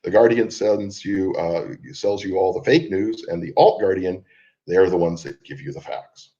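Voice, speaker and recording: A man's voice: low-pitched, normal speed, dark tone. A man with a cold hosting a group conference call, chatty and mocking. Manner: chatty, mocking, repeats himself. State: has a cold, coughs when laughing. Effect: conference call audio. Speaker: host. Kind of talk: online group call chat. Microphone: computer call mic. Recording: dull lo-fi online call audio.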